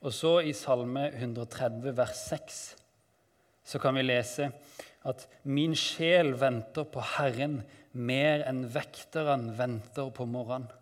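A man giving a conversational sermon as a Bible teacher, calm and reflective, his voice often trailing off quietly at the ends of phrases. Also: mid-range voice, big-room sound.

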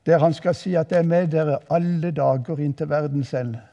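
Eldre sørlandsk mann som preker livlig. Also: male voice, fairly high pitch, lo-fi sound. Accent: southern Norwegian. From southern Norway. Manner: lively storytelling, voice rising for quoted exclamations. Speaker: preacher. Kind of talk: sermon. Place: mission hall.

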